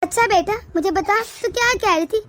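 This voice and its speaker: A stern, lecturing middle-aged mother-in-law from a cartoon family story, voiced by a woman. She nags and scolds in a high, bright voice. The sound is dry and close. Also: moderate pace, dry recording. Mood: coaxing. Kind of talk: cartoon voice acting.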